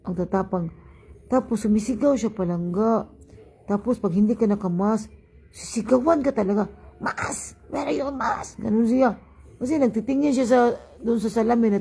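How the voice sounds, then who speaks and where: A woman's voice: mid-range voice, slightly rough, rough recording. A woman from Cebu, speaking with a Cebuano-tinged accent, telling a story in a casual vlog and acting out the people she quotes. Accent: Cebuano-tinged Filipino. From Philippines (Cebu). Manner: animated, acts out quoted people, laughs often. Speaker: vlogger living abroad.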